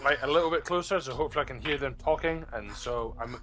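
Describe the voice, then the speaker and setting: A man's voice: mid-range voice, fast. A man playing a tabletop game, asking hesitant, trailing questions. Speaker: player. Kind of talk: casual tabletop role-play. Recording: background music.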